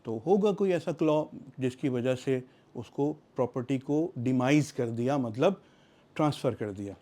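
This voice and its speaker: A middle-aged man explaining English vocabulary in a lesson, reading English example sentences slowly and deliberately. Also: medium pitch, dark tone.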